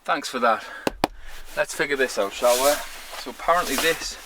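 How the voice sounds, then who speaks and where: This camper van vlogger, a man from Sunderland in north-east England, speaks at a moderate pace in a mid-range voice against a noisy background. With a moderate Mackem accent, he gives blunt, colloquial, sweary commentary on his DIY work in casual vlog style.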